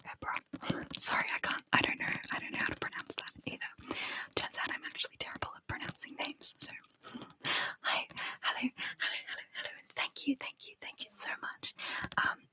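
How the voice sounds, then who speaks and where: A woman hosting a casual ASMR live chat in a breathy, mostly unvoiced whisper, softly repeating words and short phrases. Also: low-quality recording. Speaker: ASMR live stream host.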